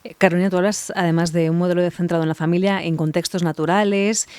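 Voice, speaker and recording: A woman hosts a podcast interview, posing careful questions and encouraging her guest with short affirmations. Her voice sits slightly low. The recording is dry and close. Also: fairly even intonation, quick pace, darkish tone, smooth, no room sound. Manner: attentive, asks framing questions with frequent backchannels. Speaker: podcast host.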